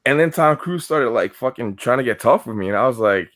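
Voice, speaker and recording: This podcast co-host from New York talks fairly quickly in a mid-range voice. His stories are rambling, animated, and full of swearing, told in a relaxed chat.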